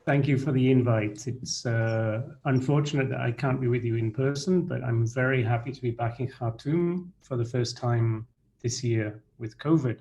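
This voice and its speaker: A middle-aged man from Britain giving an online lecture over a video call, measured and full of fillers and restarts. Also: mid-range voice, a little mellow, low-quality recording. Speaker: guest lecturer.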